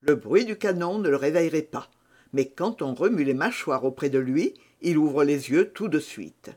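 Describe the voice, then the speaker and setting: A woman's voice: sits low, lively intonation, normal speed, darkish tone. Woman voicing an earnest peasant father. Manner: earnest, self-reproaching. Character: earnest male farm laborer, humble father. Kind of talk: audiobook character reading.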